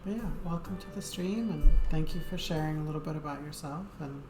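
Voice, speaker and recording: Game music fills an echoey room as a woman streamer talks casually to viewers. She speaks fairly quickly in a low-pitched voice, rambling and hesitant, with many fillers.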